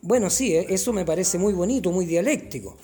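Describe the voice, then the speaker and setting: A man's voice: high voice, lively intonation, brisk, mellow. A man hosting a mock interview on a comedy show, playful in a formal tone.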